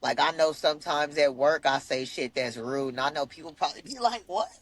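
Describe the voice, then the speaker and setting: A woman's voice: sits low, fairly quick. A woman co-hosting a podcast in casual chat, candid and venting, swearing freely. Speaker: podcast co-host.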